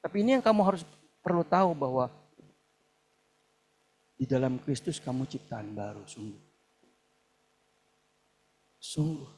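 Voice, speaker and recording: A male pastor preaching a live church sermon, acting out quoted people and swinging between soft asides and loud, emphatic peaks. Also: mid-range voice, lively intonation, measured pace, long pauses, husky. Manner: acts out quoted people in shouted or pleading voices. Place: church hall, live service.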